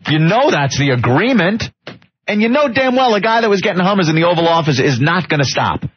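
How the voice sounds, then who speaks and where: Lively male radio host, husky and lo-fi. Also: high-pitched, fairly quick. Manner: animated, reads tabloid stories aloud with a laugh. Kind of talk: casual radio banter. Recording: dull lo-fi radio broadcast.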